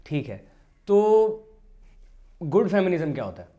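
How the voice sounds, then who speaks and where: A man's voice: a little high, very animated, measured pace, mellow. A man hosts a casual podcast conversation, asking questions and summing up what his guest says. He agrees readily and steers the talk with follow-ups. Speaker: podcast host. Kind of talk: casual interview chat.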